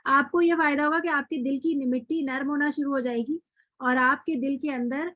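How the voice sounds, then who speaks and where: A woman's voice: high-pitched, fairly even intonation, no echo. A woman teaching Quran recitation in an online class, praising students and then giving a motivational talk. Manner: encouraging, praising then lecturing with questions. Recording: dry, dull lo-fi online call audio.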